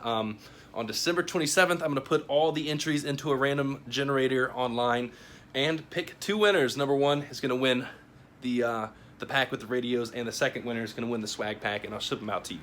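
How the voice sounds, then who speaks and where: Brisk and fairly bright, the mid-range voice of an American YouTube host carries an informal, chatty product review and giveaway talk to camera. The recording has clearly noisy ambient background sound.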